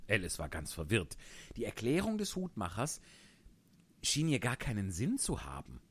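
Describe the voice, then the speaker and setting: A man narrating a storybook reading in an expressive, unhurried way. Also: lowish voice, slightly rough.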